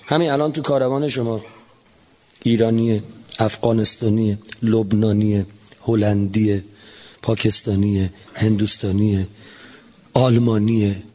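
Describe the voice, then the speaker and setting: A man preaching a fiery religious sermon, swinging between shouting and low storytelling. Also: steady tone, pauses often. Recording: lo-fi recording in a reverberant hall.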